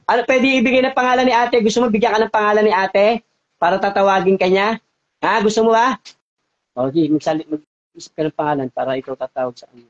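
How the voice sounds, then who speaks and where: A man's voice: high-pitched, fast talker. A man leading a live healing session, coaxing and repeating short questions. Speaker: faith healer. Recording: dull lo-fi audio.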